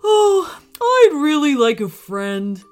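A woman voicing a gentle, lonely young male stegosaurus in a storybook reading, with a wistful, pleading manner. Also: high voice, big pitch swings, slow, faint music behind, voice pushed up, full character voice.

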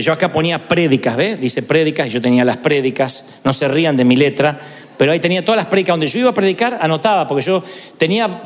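A man delivers a sermon in a notably high voice. He moves between quick asides and slow, weighty lines, and earnestness runs all the way through. His voice rings out with the long reverb of a large hall. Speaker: preacher.

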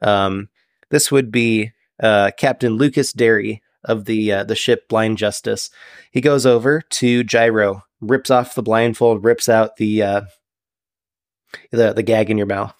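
A man narrating a tabletop game as game master, relaxed and descriptive, with many fillers. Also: on the low side, unhurried, dry recording, studio quality.

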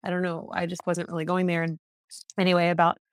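A woman speaks low and fairly monotone, working through a personal story with pauses, restarts and fillers. Her voice sits close and dry on a podcast mic, with no room around it. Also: clean tone, dry recording. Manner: reflective, halting, many fillers and restarts. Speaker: podcast guest.

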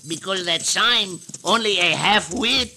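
Radio western comic sidekick: excitable Mexican accent, stammering broken English, high and piercingly bright. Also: male voice, measured pace, full character voice. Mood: earnest. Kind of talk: old-time radio western acting. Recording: faintly noisy old radio recording.

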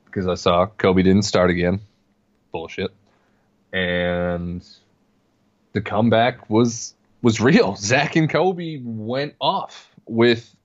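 A man co-hosting a sports podcast, chatting casually in a laid-back, rambling, sweary way. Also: medium pitch. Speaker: podcast co-host. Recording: slightly dull, lo-fi microphone sound.

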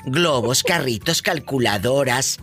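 A man's voice: mid-range voice, animated, unhurried, a bit bright, soft background music. A man with a Mexican accent hosting a radio talk show, teasing and theatrical, with playful exclamations.

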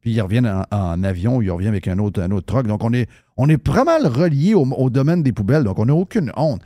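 A man with a Québécois French accent, hosting a radio show in quick, joking, casual banter. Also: medium pitch, no room sound, clean studio sound. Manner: fast, lively, joking.

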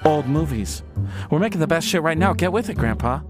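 Brash cartoon wisecracker played by a man, flippant, jokey, high animated voice, music behind. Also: fairly quick, lightly acted. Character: wisecracking, brash presenter of spooky characters. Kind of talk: animated comedy monologue.

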